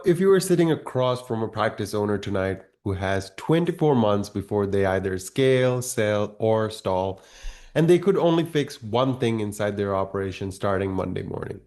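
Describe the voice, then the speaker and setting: Guy with a lowish voice doing an interview, measured, asks structured questions. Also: a little mellow.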